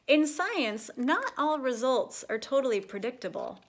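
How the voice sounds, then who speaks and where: Reading a picture book to children, this high-pitched female storyteller uses expressive, carefully paced phrasing meant for a young audience.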